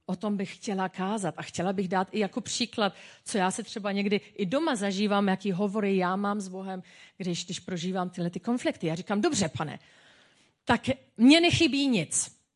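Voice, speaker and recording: A woman pastor giving a sermon in a personal, humorous, conversational way. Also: medium pitch.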